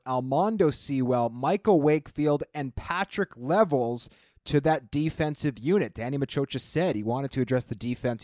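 Man, sports talk co-host, casual, repeats words when starting a thought, mid pitch, dry close sound. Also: no echo.

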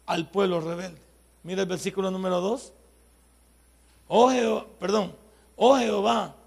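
A male pastor, preaching a folksy, emphatic sermon that bursts into loud exclamations. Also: high voice, creaky, slightly rough. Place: church. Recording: long hall reverb.

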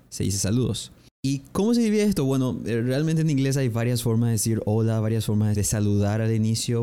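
A young man teaching English on a podcast, explaining phrases and slowly repeating each model pronunciation twice. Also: lowish voice, warm tone. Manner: explanatory, addresses listeners directly. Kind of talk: podcast language lesson.

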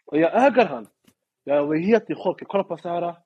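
Speaking in a high, breathy voice over lo-fi sound, this young guest storyteller from Sweden carries a Swedish suburban street-slang accent. He chats casually and lively, full of slang, playing out the people in his tale and imitating them in English.

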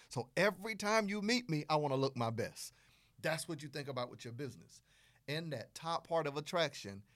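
Southern man, podcast host, animated and playful, very expressive pitch, dry close sound. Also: dry recording. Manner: animated and playful, acts out little dialogues. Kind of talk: energetic solo podcast teaching.

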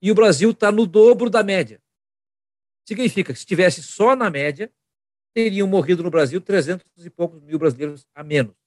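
A man's voice: sits high, normal speed, no echo. A man in a casual podcast chat, arguing firmly and repeating his points for emphasis. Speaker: podcast co-host.

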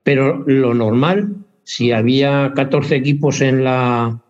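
A basketball parent chats casually in an interview, his medium-pitched, darkish voice moving at a slow pace. He rambles, hesitates, and often corrects himself, and the lo-fi recording sounds dull.

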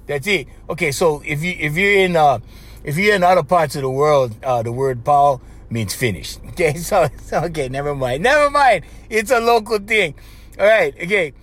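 A man's voice: on the high side, animated, moderate pace, fairly bright tone. A man with a Hawaiian Pidgin accent hosting a podcast, chatting casually and animatedly, laughing often and repeating himself. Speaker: podcast host. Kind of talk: casual chat.

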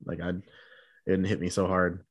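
Low-voiced young man hosting a loose chat. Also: completely flat delivery, normal speed, husky, no room sound. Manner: loose, profane, rambling with fillers and laughs. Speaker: podcast host. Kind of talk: casual chat.

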